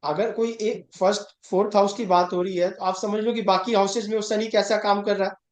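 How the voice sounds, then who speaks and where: A man's voice: high voice, level tone, fairly quick. Emphatic male astrology teacher, roomy sound. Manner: emphatic, keeps checking understanding; mixes English terms into Hindi. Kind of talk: conversational online class. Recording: roomy echo.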